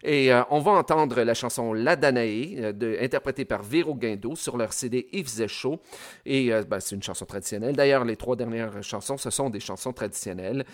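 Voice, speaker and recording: A man with a Québécois French accent presents songs on the radio in a loose, chatty way. He hesitates often and fills pauses with little sounds, at a middle pitch. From Quebec. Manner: hesitant, many fillers, chatty asides. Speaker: radio host.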